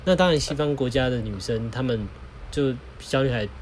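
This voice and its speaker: A man's voice: medium pitch, fairly quick, slight background noise. A man co-hosting a podcast, telling stories in a joking, boastful way. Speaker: podcast co-host. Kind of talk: casual chat.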